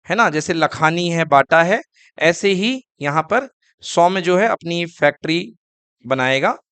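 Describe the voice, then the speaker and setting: A man's voice: high voice, a bit bright, clean tone, dry recording. A man teaching a lecture, often asking students questions and answering them himself. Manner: calls students kids and beta. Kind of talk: classroom lecture.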